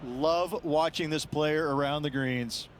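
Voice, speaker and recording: A man's voice: on the high side, steady tone, takes it slowly, a little hiss or hum. A man playing a golf course analyst, giving commentary in a video game. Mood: appreciative.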